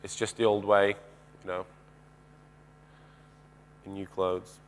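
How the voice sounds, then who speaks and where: Speaking slowly in a deep, level voice, this keynote speaker is a man in his thirties on a large conference stage, using a headset mic. He paces around and gestures while talking conversationally, asking the crowd questions and frequently starting his sentences over.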